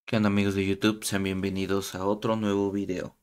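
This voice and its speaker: A man's voice: fairly low pitch, fairly quick, clear, resonant tone, soft background music. A man giving casual commentary for his YouTube channel, talking loosely with frequent hesitations. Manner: relaxed, hesitant with frequent "eh" fillers. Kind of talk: casual reality-show commentary.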